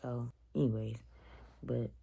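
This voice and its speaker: A woman's voice: extremely low pitch, steady tone, slow, creaky, warm tone, husky, dull audio. A young woman telling a story to her viewers in a blunt, slangy, profane rant. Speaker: vlogger. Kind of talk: casual storytime vlog.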